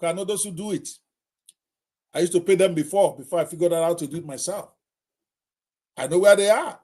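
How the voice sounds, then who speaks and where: Emphatic Nigerian man, fairly high voice. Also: brisk, darkish tone. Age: middle-aged. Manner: emphatic, repetitive, direct address to viewers. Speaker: host. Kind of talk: live talk on technology.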